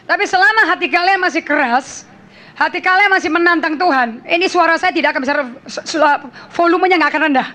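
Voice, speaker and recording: A woman preacher delivers a forceful sermon to a church congregation, dropping in English phrases and checking on her listeners. Her voice sits very high, with a bright, sharp edge. She speaks with insistent emphasis. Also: quick pace.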